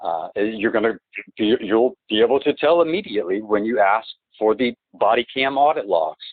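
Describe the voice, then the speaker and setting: A man's low voice comes through a tinny, narrow phone line with a dry, close sound. He rambles and stumbles, restarting phrases and repeating words, and he presses his points insistently. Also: expressive, moderate pace, no echo. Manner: insistent, emphatic complaints. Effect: heard through a phone line. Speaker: client on a phone call. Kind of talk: phone conversation.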